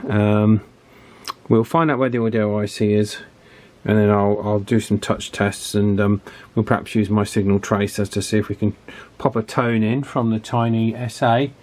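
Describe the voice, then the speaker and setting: A radio repair hobbyist at his home workshop bench talks into a camera mic while fixing something, thinking aloud casually and often breaking off to restart sentences. His somewhat low, darkish voice is flat, at a moderate pace.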